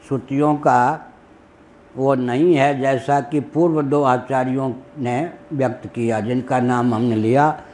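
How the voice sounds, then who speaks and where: A man giving a slow, unhurried religious discourse on scripture, chanting Sanskrit lines and chuckling at his own stories. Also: medium pitch, darkish tone, slight background noise.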